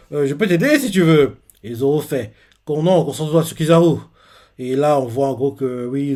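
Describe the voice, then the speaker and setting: Lively laughing young man, reaction recap. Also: on the high side. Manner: lively, laughing, many hesitations. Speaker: manga reaction streamer.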